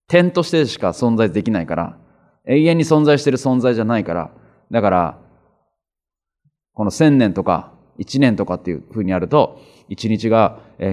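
A man with a fairly low voice teaches from the Bible in a relaxed, conversational way. He explains ideas with everyday examples and slows down to read scripture aloud. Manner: reads scripture aloud slowly, repeating references. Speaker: pastor.

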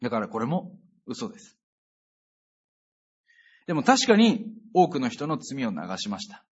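Husky-voiced man preaching earnestly. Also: mid-range voice, sing-song, unhurried. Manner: earnest, conversational preaching with emphatic sentence endings. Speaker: pastor. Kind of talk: sermon. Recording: dull lo-fi recording.

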